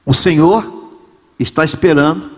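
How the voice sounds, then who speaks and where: A man with a fairly high voice and a Rio de Janeiro Brazilian Portuguese accent preaches a Pentecostal sermon, impassioned and often shouting as he repeats his phrases. His voice rings out through a large church sanctuary. Long reverb from the hall trails after every line. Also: unhurried. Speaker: pastor.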